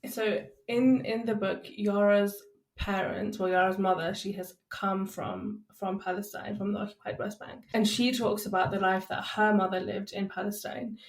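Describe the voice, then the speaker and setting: A woman hosting a podcast, asking measured, thoughtful questions. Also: mid-range voice, fairly even intonation. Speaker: podcast host. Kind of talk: interview questions. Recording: roomy echo.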